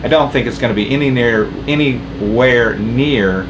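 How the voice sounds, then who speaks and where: A man's voice: mid-range voice, normal speed, noisy background. A man in his forties talking casually with lots of ums while explaining a boat galley project to a camera a few feet away. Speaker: boat owner vlogger. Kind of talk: casual how-to vlog. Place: boat galley, small indoor cabin. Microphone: camera on tripod a few feet away.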